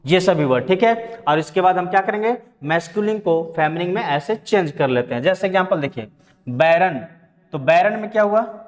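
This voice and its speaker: Male grammar teacher, higher voice, long hall echo. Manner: addresses viewers as friends, spells words letter by letter. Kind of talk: classroom-style lesson explanation.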